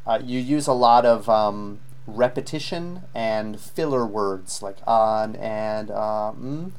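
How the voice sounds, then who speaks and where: A man's voice: lowish voice, slow pace, smooth. A man teaching a live online IELTS lesson, patiently giving spoken feedback with frequent ums.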